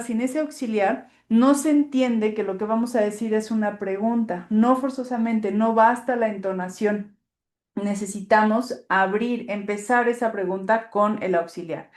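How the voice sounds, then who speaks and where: Patient woman teaching grammar, roomy sound. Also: mid-range voice. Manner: patient, clear teacherly explanations with fillers. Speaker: English teacher. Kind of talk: explaining grammar step by step.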